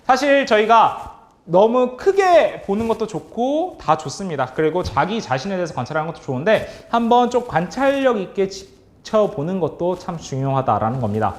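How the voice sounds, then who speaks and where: A man leading a workshop for teachers as a trainer, upbeat and animated, calling on the audience, praising their answers and chuckling often. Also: high-pitched, moderate pace. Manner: chuckles often between remarks. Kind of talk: online workshop quiz for teachers.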